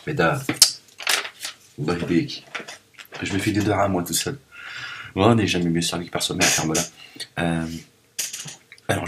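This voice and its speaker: Low-voiced Parisian man joking around. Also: background noise. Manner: joking, rambling, teasing asides. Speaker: vlogger. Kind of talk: casual vlog monologue. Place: home, cold room.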